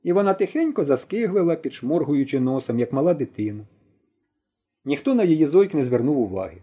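A man reading an audiobook aloud with expressive storytelling. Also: fairly high pitch, a little fast, slightly rough. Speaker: audiobook reader. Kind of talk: audiobook narration.

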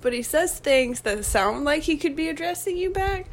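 A woman's voice: high-pitched, normal speed. A woman who works night shifts, chatting casually and acting out customer greetings with lots of laughter. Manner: animated storyteller, laughs often, acts out greetings. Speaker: night-shift store worker. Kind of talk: casual chat.

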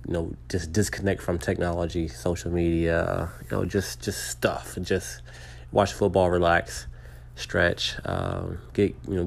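A man gives a casual, unscripted reflection in a subdued, low-key way. He moves haltingly through his thoughts, circling back and repeating words as he addresses his listeners. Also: vocal fry, darkish tone. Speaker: podcaster sharing personal faith encouragement.

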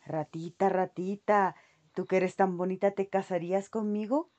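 A woman's voice: medium pitch, fairly even intonation, moderate pace, a little mellow, highs cut off, close to an everyday voice. A woman voicing a plain male pig suitor in her ordinary reading voice. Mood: courting.

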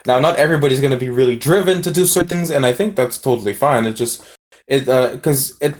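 Male discussion guest, Aruban accent, mid-pitched. Casual, reflective, reasons aloud with repeated sentence starts. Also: fast talker.

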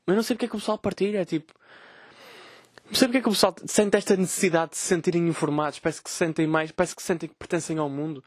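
A man's voice: a little high, fairly even intonation, very fast, no room sound, clean studio sound. A young man with a European Portuguese accent, ranting sarcastically and swearing on his solo podcast. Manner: profane, sarcastic, mocking voices of others. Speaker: podcast host.

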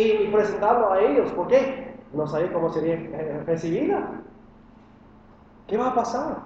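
A high-voiced male pastor preaches from a distance in a big, echoing hall with long reverb. The sound is dull and muffled, with a faint hiss underneath. He speaks earnestly and plainly, and his voice leaps up when he acts out quotes and asks questions. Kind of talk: sermon.

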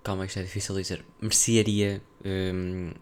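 A clear, resonant, lowish voice belongs to this young podcast host, who speaks with a European Portuguese accent at a moderate pace. His pitch hardly moves as he chats alone on his casual show, thinking aloud in a rambling, slangy manner.

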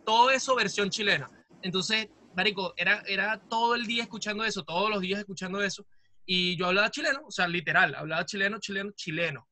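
Bright-voiced Venezuelan man, rambling. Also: high-pitched, quick pace, no echo. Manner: rambling, repeats himself while thinking. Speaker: podcast co-host. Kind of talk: casual chat.

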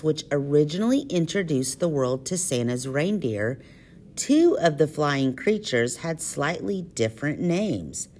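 Casting: American woman, kindergarten teacher manner, school announcer for young kids, low register with big melodic swings. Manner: kindergarten teacher voice, addressing children in simple, expressive phrases. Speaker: school morning announcements host. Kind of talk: upbeat scripted announcements for young children.

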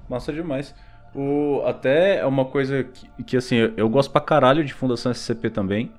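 A Brazilian-accented man hosts a podcast, chatting casually in an informal, slangy way. His voice is medium in pitch and brisk, with music playing in the background.

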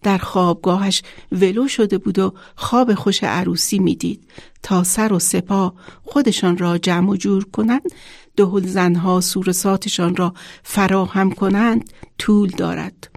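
Woman author reading a story, slightly gravelly. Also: mid-range voice, dry recording, studio quality. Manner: measured, expressive storytelling. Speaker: children's author. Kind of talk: reading her own children's story aloud.

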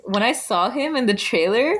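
Young woman, lively casual chat. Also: a little high, moderate pace. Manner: relaxed, short agreeing replies, laughs along.

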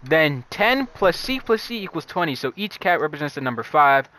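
Young guy, frat bro type, higher bright voice, slangy and swearing, reading riddles to the boys. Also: sing-song, normal speed. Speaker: riddle reader in a friend group. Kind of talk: casual chat, reading puzzles to friends.

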